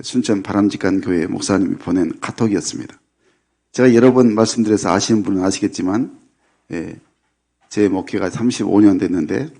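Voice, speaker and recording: In a church sanctuary, a middle-aged pastor gives a Sunday sermon in a lowish, husky voice. His pace is easy and unhurried, sprinkled with small affirming "yes" fillers and gentle humor that keeps the mood light.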